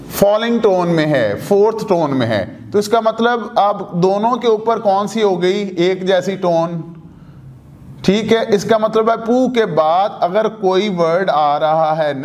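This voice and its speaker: A man teaching a language lesson from a studio, explaining rules deliberately, repeating key terms and asking himself questions before answering them. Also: high-pitched, a little mellow.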